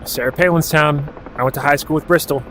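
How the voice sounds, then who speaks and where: A man's voice: fairly high pitch, steady tone, fairly quick, fairly bright tone, slight background noise, rough recording. A man from Alaska streaming a game, casually chatting with viewers and calling out commands, with the odd swear word. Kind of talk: casual live-stream chat while playing.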